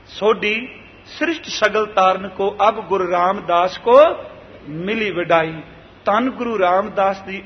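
High-voiced man preaching in a reverberant hall. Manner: slow chanting of scripture lines; addresses the congregation warmly as beloved ones. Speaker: Sikh preacher giving katha. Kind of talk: devotional sermon with recited verses. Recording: dull sound with long hall reverb.

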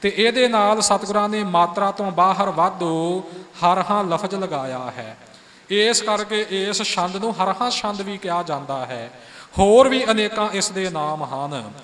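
A man teaching Sikh scripture, explaining its verse forms calmly and singing lines slowly to show how they should be pronounced. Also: sits high, in a large hall. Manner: explains calmly, then sings lines slowly to model pronunciation. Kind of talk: teaching correct recitation of scripture.

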